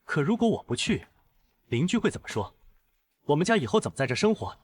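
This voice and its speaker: An anxious, pleading neighbor. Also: male voice, on the high side, big pitch swings, fairly quick. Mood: worried.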